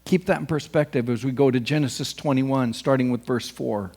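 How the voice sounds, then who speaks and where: A man delivers a sermon in a gravelly, mid-pitched voice. He reads scripture aloud and climbs in pitch and force on the quoted passages, then drops back to a quieter, more personal tone. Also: fairly even intonation, brisk. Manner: preaching with rising emphasis on quoted scripture. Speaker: pastor.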